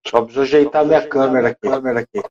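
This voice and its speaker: A man's voice: medium pitch, fairly even intonation, very fast, a little mellow. A man joining a live stream by video call. He sets up his camera and sound in a casual way, and each phrase comes back a second time as an echo on the line. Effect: echo on the call line, each phrase heard twice. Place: remote home setup. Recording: dull echoing call line with faint noise.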